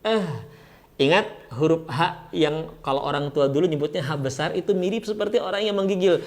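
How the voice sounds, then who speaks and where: A man teaching Quran recitation, explaining pronunciation rules in a friendly way and then chanting each verse slowly. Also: a little high. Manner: light, friendly jokes. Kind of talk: recitation lesson.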